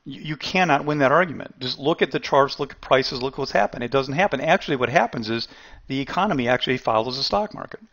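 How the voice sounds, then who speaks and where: A middle-aged man teaching trading in a live webinar, talking straight to his viewers and chat, animated and laughing at his own points. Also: mid-range voice, fast, dull audio. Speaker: trading educator.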